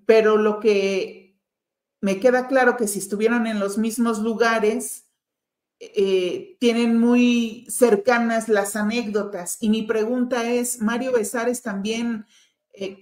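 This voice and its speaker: A woman interviewer, asking measured, probing questions. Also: a little high, steady tone, darkish tone, echoey room.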